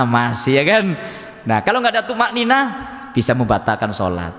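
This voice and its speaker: A man's voice: fairly high pitch, fairly bright tone. A man giving a religious lesson at a mosque study group, chatty, often addressing the audience and mimicking regional pronunciations. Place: mosque hall. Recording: echoey mosque hall reverb.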